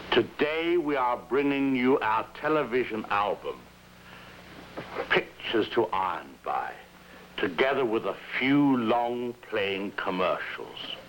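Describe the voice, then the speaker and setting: A man hosting a television show in a dry, deadpan and formally droll manner, heard through an old 1950s television broadcast with a faint hum. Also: on the low side, low-quality recording. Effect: old 1950s television broadcast sound with faint hiss and hum. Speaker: television host. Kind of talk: scripted wry host introductions.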